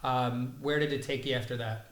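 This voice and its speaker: A man's voice: mid-range voice, steady tone, moderate pace. A man hosting a podcast, asking questions and joking casually. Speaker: podcast host. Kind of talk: casual interview chat. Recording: echoey room.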